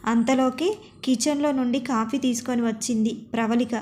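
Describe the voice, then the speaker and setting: A woman with a fairly high voice reads a scripted story aloud. Her delivery is steady and expressive, carrying the listener through each scene. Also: moderate pace, a little hiss or hum.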